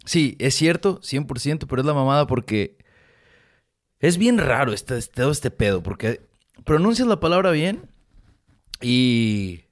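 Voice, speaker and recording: A man's voice: fairly high pitch, sing-song, moderate pace. Slangy Mexican man telling stories. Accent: Mexican Spanish. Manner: slangy, joking, storytelling. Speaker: podcast host. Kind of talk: casual chat.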